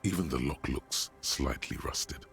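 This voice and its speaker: An actor voicing a brooding, solemn narrator in a video game, speaking slowly and gravely. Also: male voice, a bass voice, fairly bright tone, soft background music, full character voice. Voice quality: gravelly, slow and measured.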